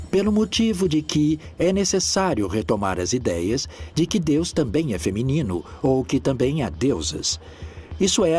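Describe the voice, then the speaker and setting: Brazilian dub guy sounding academic, pretty expressive, mid voice. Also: mid-range voice. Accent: Brazilian Portuguese. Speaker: expert interviewee, dubbed. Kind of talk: documentary voice-over dub. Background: faint music.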